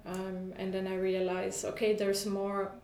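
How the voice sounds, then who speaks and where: Soft-spoken woman from Honduras, distant mic. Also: mid-range voice, monotone, a little slow. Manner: soft-spoken, short agreeing replies, some hesitation. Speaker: podcast guest. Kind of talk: casual interview. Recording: echoey room, distant from mic.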